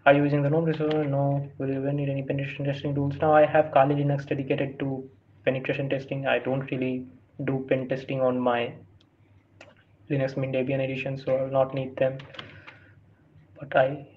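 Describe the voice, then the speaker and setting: In a screen-recorded tutorial, a man whose first language isn't English reads prompts aloud, stumbling through many fillers and restarts. His mid-range voice is monotone and fairly quick, and the recording has a dull, lo-fi quality with faint hiss.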